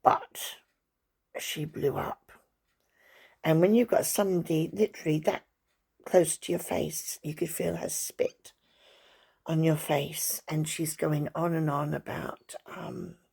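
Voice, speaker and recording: A woman's voice: deep voice, fairly even intonation, slow, vocal fry, darkish tone, slightly rough. An older woman chatting at home to her viewers, rambling through a story with asides to her dog. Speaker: vlogger. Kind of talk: casual chat to camera. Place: at home, indoors.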